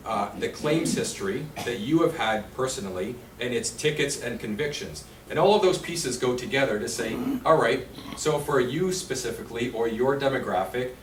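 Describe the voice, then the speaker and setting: At a normal speed and in a mid-range voice, an insurance presenter chats with a room of listeners and quizzes them as he goes. The setting is a seniors' residence meeting room; the audio is distant and roomy, with a faint hiss.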